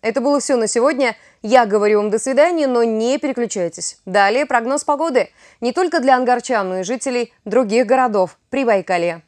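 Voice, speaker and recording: Woman, news anchor, measured scripted reading, higher voice. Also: a little mellow.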